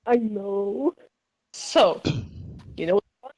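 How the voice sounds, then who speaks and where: A woman's voice: mid-range voice, extremely slow, poor audio. Slangy young woman telling a story. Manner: animated storytelling, slangy, says "bro" and "dude". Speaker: podcast co-host. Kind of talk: casual chat.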